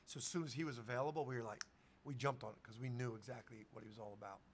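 A middle-aged head coach fields questions at a post-game press conference, speaking casually into a table mic in a room with a sponsor backdrop. His mid-range voice moves at a racing clip with fairly even intonation, and he keeps restarting sentences, repeating words as he begins them. Slight background noise is audible.

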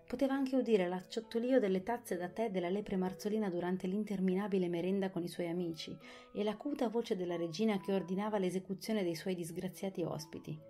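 A woman narrating an audiobook of a children's classic, expressive and clear. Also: lowish voice.

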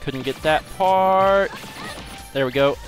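A young man hosts a let's play, casually commenting on a co-op game in a fairly high, slow-paced voice. He's upbeat and chatty, thinking out loud as he plays, with game music and sound effects behind him.

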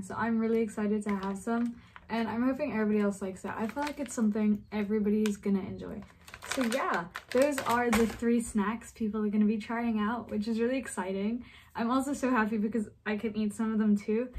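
A woman's voice: on the high side, a little mellow. A young woman from Malaysia presenting a food video, upbeat and eager, with frequent fillers. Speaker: host. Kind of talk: enthusiastic presenting to camera.

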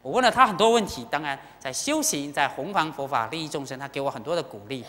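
A Buddhist dharma teacher giving an animated sermon in a temple, telling stories with feeling and often turning to the audience directly. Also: medium pitch, fast. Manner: animated, emotional storytelling with direct appeals. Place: temple lecture hall. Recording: long hall reverb.

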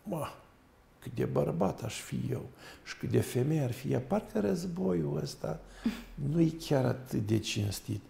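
A man's voice: fairly high pitch, lively intonation, vocal fry, dark tone. A man voicing a resolute hermit monk who talks plainly and firmly. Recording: roomy echo.

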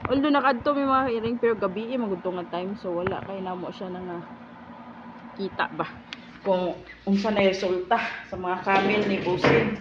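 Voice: mid-range voice, steady tone, moderate pace. A vlogger walking around a farm with animals, chatting casually, teasing and joking and calling out to the animals. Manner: playful, teasing, jokes and then takes it back, calls out to animals. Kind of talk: casual vlog narration while walking around. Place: outdoor farm with camels, goats and birds. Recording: windy, dull outdoor phone audio.

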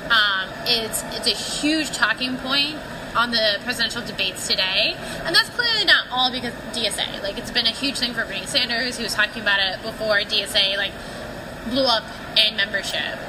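A woman's voice: fairly high pitch, expressive, moderate pace. A woman giving a casual, filler-filled interview answer at a convention. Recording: noisy field recording.

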